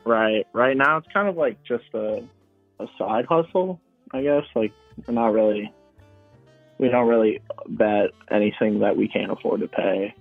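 Caller, young man on speakerphone, gravelly, hesitant casual talk, tinny phone line. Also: lowish voice, unhurried, no room sound, soft background music. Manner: hesitant, restarts often, agreeable. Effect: on speakerphone over a phone line. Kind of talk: casual chat.

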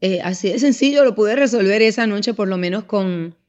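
A woman in her fifties, a mother chatting on a podcast, telling stories with lively acted-out voices. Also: medium pitch, normal speed, highs cut off. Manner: animated storyteller, acts out voices in anecdotes. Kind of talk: casual podcast conversation.

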